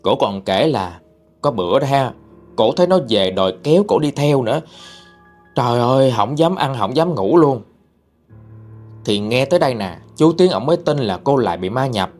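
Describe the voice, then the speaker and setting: A man's voice: mid-range voice, expressive, normal speed, a little mellow, soft background music. A man narrating a ghost story, chatty and dramatic, talking straight to his listeners.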